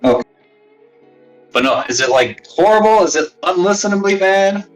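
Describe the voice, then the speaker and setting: Man, boxy sound like inside a box, distant phone mic, fairly high voice, rambling and muttering, faint music behind. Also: animated, normal speed. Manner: rambling, swearing, self-mocking, often muttering under his breath. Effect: boxy speakerphone sound, as if inside a box. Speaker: live streamer. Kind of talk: casual live stream chat. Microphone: phone used as a wireless webcam mic. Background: faint background music.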